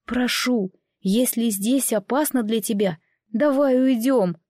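Woman doing a scared little boy voice, shaky and teary, pitched up high, dry close sound. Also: slow pace, a little mellow, dry recording. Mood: pleading. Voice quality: trembling. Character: frightened young boy, earnest and tearful.

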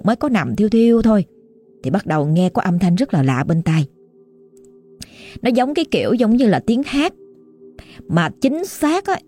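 A woman with a mid-range, dark-toned voice and a Southern Vietnamese accent tells a ghost story in a chatty, casual manner. She often speaks directly to her listeners.

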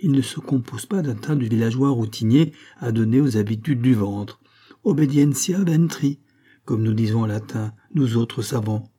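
A man's voice: medium pitch, normal speed, dark tone, lightly acted. A man voicing a boastful young villager who lectures his neighbours in an emphatic, pompous way. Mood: lecturing. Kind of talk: audiobook character voice.

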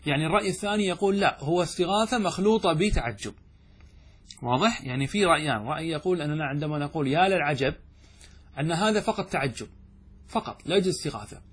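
A man's voice: a little high, lively intonation, fairly bright tone, breathy edge. A man teaching a classical Arabic grammar text, reading lines aloud and explaining them, often asking questions and answering them himself. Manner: slows and stretches example phrases.

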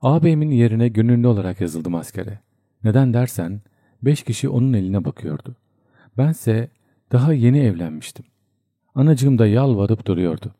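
A man's voice: mid-range voice, expressive, moderate pace, mellow, no echo, clean studio sound, lightly acted. A man voicing a young soldier who rambles and confides like a storyteller. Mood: rueful. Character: homesick young soldier, man, chatty and earnest.

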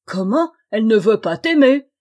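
A furious, cruel storybook king bellows his threats, as a woman reading the tale puts him on. His voice climbs high and loud with fury. His speech is harsh and bullying. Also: lively intonation, moderate pace, breathy edge.

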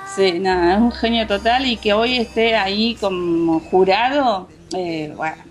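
Speaking unhurriedly in a mid-range voice, this woman co-hosts a casual conversation with an Argentine, Rioplatense Spanish accent. Her storytelling is hesitant, with frequent fillers and restarts.

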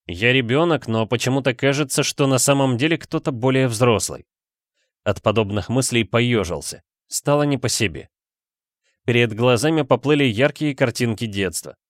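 A man narrates a first-person adventure in a steady storytelling voice of middling pitch. The recording is close and completely dry, with no room sound. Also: moderate pace, no echo. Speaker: audiobook narrator.

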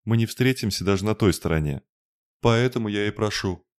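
A man's voice: fairly low pitch, brisk, voice pushed up, close to an everyday voice. A man voicing a desperate young woman who pleads tearfully. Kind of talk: audiobook narration.

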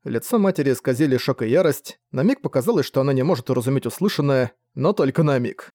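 A man narrating a fantasy novel in a steady, measured reading. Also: mid-range voice, no echo, clean studio sound. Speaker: audiobook narrator. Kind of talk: scripted narration.

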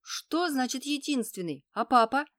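A reader voicing a hostile, defiant teenage boy who shouts accusations, in an audiobook. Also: high voice, animated, moderate pace, no echo, clean studio sound, pitched above the performer's own voice. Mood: shocked. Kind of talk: audiobook reading.

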